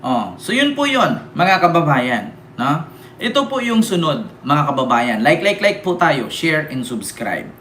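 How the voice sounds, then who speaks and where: Very animated and unhurried, a man from the Philippines with a fairly bright, higher-pitched voice scolds his target in a heated political vlog, reading out viewer comments and asking one rhetorical question after another, constantly saying "di ba?". The echoey room carries faint ambience, plus a little hiss or hum.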